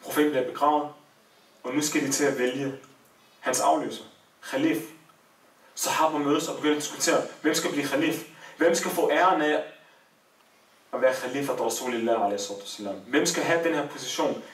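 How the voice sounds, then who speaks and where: A man's voice: mid-range voice, long pauses. A man telling a religious story as a sermon, with emotional rises and falls in emphasis. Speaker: preacher. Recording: echoey room, voice from far off.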